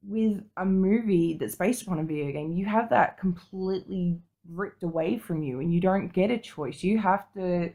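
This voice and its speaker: A woman with a lowish, darkish voice co-hosts a podcast panel discussion, talking casually and informally with strong opinions and some swearing.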